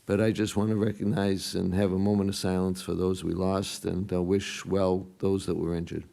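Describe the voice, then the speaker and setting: Male councilor, hoarse raspy whisper edge, gravelly and low, hesitant public remarks. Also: flat delivery, warm tone. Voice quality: raspy, strained, partly whispery. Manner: halting, hesitant delivery. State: hoarse, recovering from a lost voice. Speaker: city councilor.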